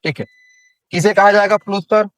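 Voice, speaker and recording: A man's voice: high-pitched, fairly even intonation, fairly quick, a bit bright, no room sound. A young man teaching Hindi grammar in a classroom, with a Chhattisgarhi Hindi accent, who asks the class questions and answers them himself.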